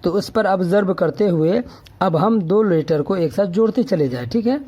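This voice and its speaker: A man from India gives a patient spoken phonics lesson in a fairly high voice. He sounds out each syllable several times and keeps checking in with his listeners. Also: lively intonation, mellow. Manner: checks in often with a questioning tag. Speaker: teacher.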